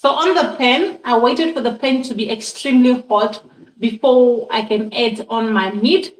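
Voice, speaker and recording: A woman's voice: a little high, moderate pace, far from the mic. A woman giving a casual cooking demonstration in her home kitchen, chatting to her viewers and often calling them guys. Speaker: cooking vlogger. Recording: echoey kitchen, voice off-mic.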